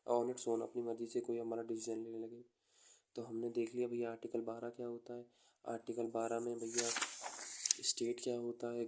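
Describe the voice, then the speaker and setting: A man teaching an exam coaching class, explaining with everyday examples and dictating notes slowly. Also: mid-range voice, warm tone. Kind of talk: classroom lecture.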